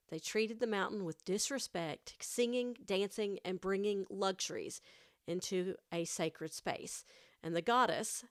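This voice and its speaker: Woman with a country accent telling a dark tale. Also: medium pitch, clean tone, no echo, studio quality. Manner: hushed dramatic storytelling. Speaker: podcast host. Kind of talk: scripted spooky narration. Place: home studio. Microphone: studio mic.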